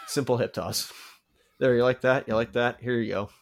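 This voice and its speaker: Cocky giant monster king trash-talking a rival, as a man puts him on in his own mid-pitched voice. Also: steady tone, moderate pace, vocal fry, close to an everyday voice. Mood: taunting. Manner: mock-boastful trash talk in first person. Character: boastful male giant monster king, taunting.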